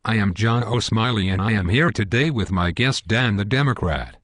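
A man's voice: lowish voice, normal speed, fairly bright tone, no room sound, studio quality. A synthetic male voice playing a smug, belligerent parody news anchor in a scripted cartoon newscast, stiff and pompous.

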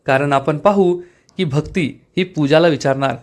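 A man's voice: a little high, moderate pace. A man enthusiastically narrating a recap of a TV serial episode for his viewers. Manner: enthusiastic, retelling.

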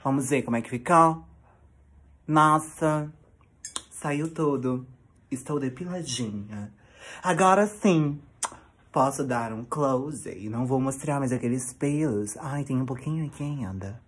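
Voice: mid-range voice, unhurried, a bit bright, close to an everyday voice. A performer playing a vain, theatrical woman vlogger in a comic sketch, fussing and chatting straight to the viewers. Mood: chatty. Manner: theatrical, fussy, talks to viewers as babies. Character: vain dramatic woman vlogger waxing her nose.

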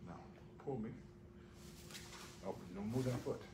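Man, judo coach, clipped repeated commands, roomy echo, noisy gym. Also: unhurried. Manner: short commands, repeats cues like "boom". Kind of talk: hands-on coaching. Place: large gym with mats. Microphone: camera on the floor. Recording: echoey gym with background noise.

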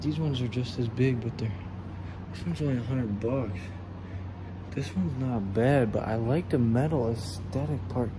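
A man's voice: medium pitch, measured pace. A young man talking casually to his vlog audience, thinking aloud in slangy speech with light swearing. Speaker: vlogger. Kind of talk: casual vlog talk to camera. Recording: clear background noise, handheld vlog recording.

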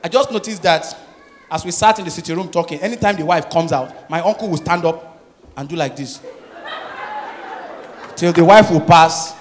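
A man with a Nigerian accent performing a stand-up comedy set, telling stories with lively acted voices. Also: fairly high pitch, normal speed, long pauses, some chatter behind, a little hiss or hum. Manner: animated storytelling, switching into Nigerian Pidgin and acted child voices. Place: live comedy stage with audience.

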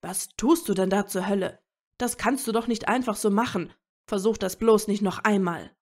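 A woman reading aloud as a gruff adult male werewolf who scolds and growls. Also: lowish voice, slow pace, mellow. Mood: gruff scolding. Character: gruff grown male werewolf, curt and irritable.

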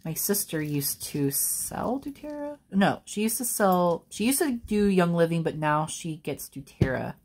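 Young woman reseller vlogging, kinda low voice, gets super excited and giggly. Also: a little slow, hardly any pauses. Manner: excitable, gushing, laughs often, says y'all. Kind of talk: casual unboxing vlog.

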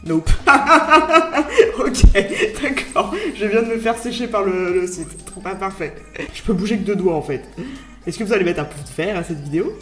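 A woman YouTuber giving casual, excitable reaction commentary, swearing and laughing often. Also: medium pitch, normal speed, reverberant, soft background music. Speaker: YouTuber host.

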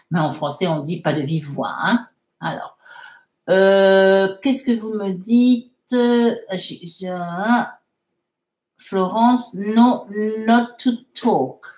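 Slow-talking woman teacher in an echoey room. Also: medium pitch, a little mellow. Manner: switches between French and slow English, frequent hesitations. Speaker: English teacher. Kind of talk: live online English lesson.

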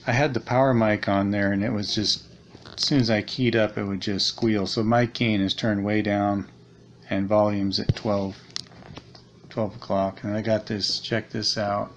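A hobbyist radio repairer presents a video, talking through a repair casually and unscripted in a voice on the low side, a little slow. He thinks aloud in a hesitant, rambling way while seated at a desk in a small indoor room. It was recorded on a handheld camera, with steady background noise.

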